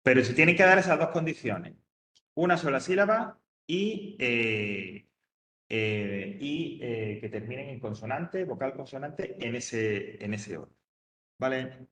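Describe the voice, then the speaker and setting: A man's voice: medium pitch, lively intonation, a little slow, bright, forceful tone, echoey room, a little hiss or hum. A man teaching English grammar to an adult class, patiently repeating each point step by step. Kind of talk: classroom explanation.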